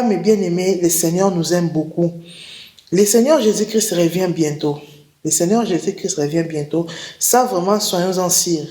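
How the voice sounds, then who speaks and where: Halting woman preacher in an echoey room. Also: lowish voice, dark tone. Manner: halting, repeats and restarts words, reads verses slowly. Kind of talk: spoken testimony with scripture reading. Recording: roomy echo.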